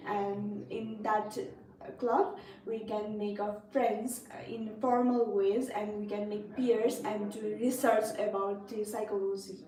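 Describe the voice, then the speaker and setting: A woman's voice: mid-range voice, flat delivery, slow, warm tone, a little hiss or hum. A young woman from Nepal with a Nepali accent, giving earnest, rehearsed answers in a mock visa interview. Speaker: student visa applicant. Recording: roomy, distant, crowd behind.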